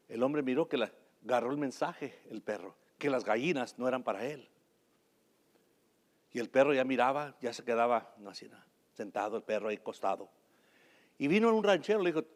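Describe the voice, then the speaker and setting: A man preaching a sermon and telling a story, often searching for words with hesitations and restarts. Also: medium pitch.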